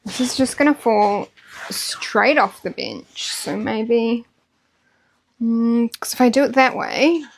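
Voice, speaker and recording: A young woman with a New Zealand accent chats away while she sews in a home workroom, teasing herself and laughing easily. Her speech is slow and unhurried, sitting a little high with a gravelly fry running through it. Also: expressive. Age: young adult. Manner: chatty, self-mocking, laughs easily. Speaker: craft vlogger. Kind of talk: casual talk while sewing.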